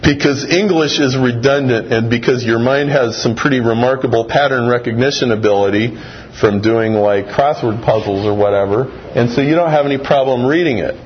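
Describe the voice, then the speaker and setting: A man in his thirties giving a classroom lecture, animated and acting out example sentences with varied inflection. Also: mid-range voice, a little fast. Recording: dull, slightly muffled recording with faint room noise.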